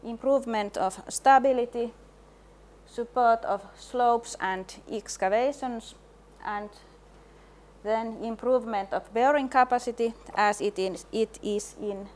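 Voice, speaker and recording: A middle-aged woman giving a conference presentation in a measured way, pausing often to hesitate. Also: fairly high pitch. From Finland. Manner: slow, measured, with frequent hesitations. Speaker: laboratory and design specialist, presenter.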